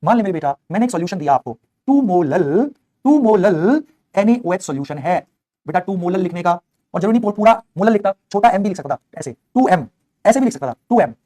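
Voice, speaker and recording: Fast-talking, coaxing chemistry teacher man. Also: high voice. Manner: energetic, coaxing, voices students' replies himself. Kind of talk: online lecture.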